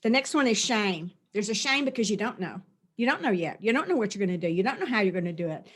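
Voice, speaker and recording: Her medium-pitched voice is expressive and fast, with a breathy edge. She's a middle-aged spiritual teacher talking earnestly through a release session, frequently repeating herself and listing phrases.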